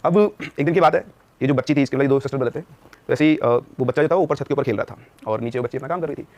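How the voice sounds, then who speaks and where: Fast-talking young man telling a ghost story. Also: mid-range voice, darkish tone. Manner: acts out quoted dialogue in changing voices. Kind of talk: animated storytelling.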